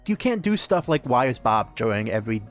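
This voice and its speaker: A man's voice: medium pitch, sing-song. Casual rambling man with faint music behind. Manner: rambling storyteller, halting restarts. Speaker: board game stream co-host. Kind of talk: casual chat among friends.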